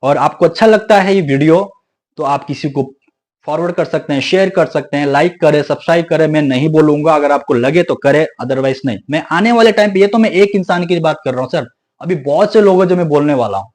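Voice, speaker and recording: Young guy ranting to camera, high voice, keeps repeating himself, mixes in english. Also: a little fast, darkish tone. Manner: indignant, repeats himself, code-switches into English. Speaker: video creator warning viewers. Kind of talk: casual direct-to-camera monologue.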